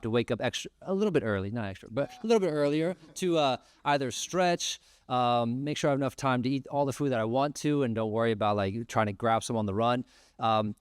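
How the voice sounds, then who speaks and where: A man in his thirties answers a fan at a convention panel, sincere and thoughtful, pausing to find his words. His voice is smooth and clean at a middle pitch, recorded close and dry. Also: dry recording. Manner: thoughtful, a little halting, earnest. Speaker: panelist, performer.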